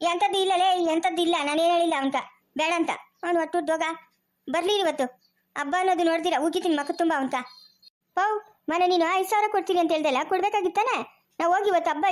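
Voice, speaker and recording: Woman playing a shrill ranting village wife. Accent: rural Chikkaballapur Kannada. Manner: shrill, rapid, nonstop ranting and cursing. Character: quarrelsome, jealous village housewife. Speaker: actor in a family comedy skit. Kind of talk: village comedy skit.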